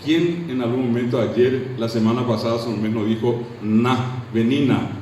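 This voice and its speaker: A man's voice: medium pitch, fairly even intonation, brisk, warm tone, slight background noise. A man from Paraguay with a Paraguayan Spanish accent, giving a classroom lecture on language, asking the class questions and drilling sounds aloud. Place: lecture room. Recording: echoey hall from far off.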